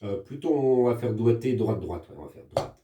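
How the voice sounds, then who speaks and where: Loud music plays behind a man's expressive, mid-range voice, which moves at normal speed. A French music teacher records a percussion lesson for pupils at home with a practice pad, patiently explaining each step and counting hand patterns aloud. The room is echoey and he sounds distant.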